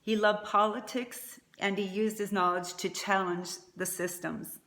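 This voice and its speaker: A woman's voice: medium pitch, steady tone, measured pace, a bit bright. A middle-aged woman giving a prepared eulogy as a mother, speaking in a tender, faltering way. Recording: echoey room.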